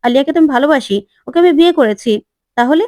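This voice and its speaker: A woman voicing a shifty young husband defending himself in a hurried way in a retold TV serial. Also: high voice, lively intonation, darkish tone, no echo, studio quality. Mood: defensive.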